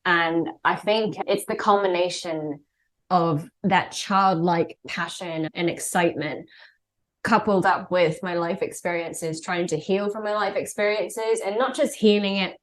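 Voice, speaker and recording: Woman, singer-songwriter guest, thoughtful, earnest, lowish pitch. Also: fairly even intonation, unhurried. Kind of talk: casual podcast interview.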